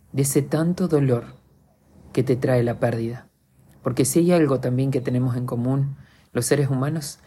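An Argentine man speaks in a reflective podcast monologue, earnest and confessional as he addresses his listeners directly. His voice is mellow and dark in tone, with a slightly husky grain. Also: mid-range voice. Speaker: podcast host.

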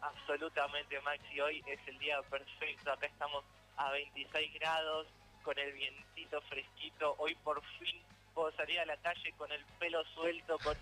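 Bright, high-voiced argentine teen guy. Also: completely flat delivery, moderate pace, faint music behind, poor audio. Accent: Argentine Spanish. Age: teens. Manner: playful, teasing, theatrical. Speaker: radio columnist. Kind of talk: casual radio chat.

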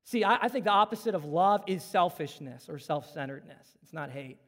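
A man in his thirties gives a sermon in a relaxed, chatty way, slipping into quick voices of coworkers and strangers to land his points. His voice sits high. A long hall reverb trails behind him. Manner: conversational, acts out everyday dialogue. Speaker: pastor.

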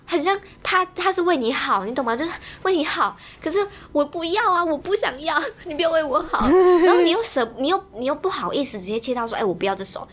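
A young woman, chatting on a podcast in an animated, ranting way and laughing often. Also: sits high. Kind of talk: casual chat.

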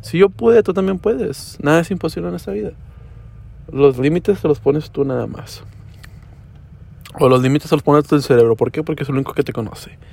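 Brisk and a little high, this young Mexican vlogger's voice is darkish, slightly rough, and has vocal fry. Speaking casually to camera, he tells stories packed with slang and swearing, sliding into English mid-sentence.

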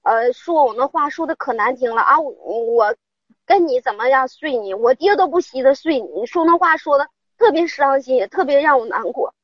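Middle-aged woman caller, high voice, rambling and distressed, dry dull lo-fi line. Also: expressive, moderate pace, no echo. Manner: rambling, upset storytelling. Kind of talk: phone-in advice call.

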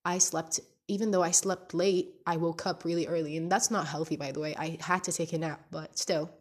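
A woman's voice: sits low, steady tone, brisk, husky. A young woman recording a personal audio diary on her phone at home, talking in a rambling, hesitant way with many restarts. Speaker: podcaster.

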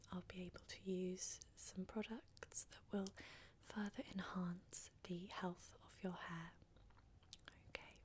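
A woman whispering softly and reassuringly as a hairdresser in an ASMR roleplay, talking close to the mic. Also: fairly low pitch. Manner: soft, unhurried, reassuring with many fillers. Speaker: ASMR creator playing a hairdresser.

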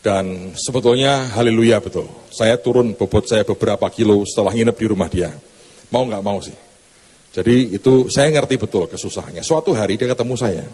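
A male pastor, preaching with animated, humorous storytelling. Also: fairly quick. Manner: animated, humorous storytelling with sudden rises in pitch. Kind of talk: sermon.

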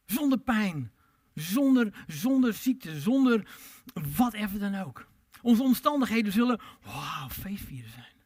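A man preaching a sermon, swinging between loud emphatic calls and quiet low asides, and drawing out his words when he quotes scripture. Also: very animated. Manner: drawn-out pleading delivery when quoting scripture.

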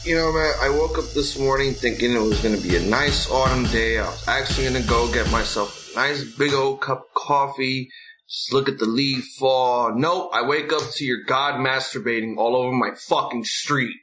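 A man with a bright, sharp-edged voice at an average pitch gives a casual, opinionated rant. He is blunt and profane, speaking as the host of his own recap show. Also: normal speed, soft background music.

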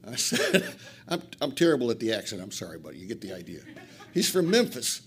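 A man's voice: on the low side, very animated, fast talker. An older man from Flint, Michigan, telling a profane, self-mocking recovery story at a retreat and laughing often. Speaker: recovery speaker.

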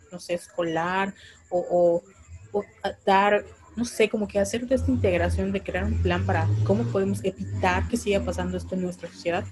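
A woman's voice: medium pitch, a little mellow, a little hiss or hum, poor audio. A young woman, co-hosting a podcast in casual chat, talking in a blunt, impassioned way with casual swearing. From Mérida, Yucatán, Mexico. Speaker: podcast co-host.

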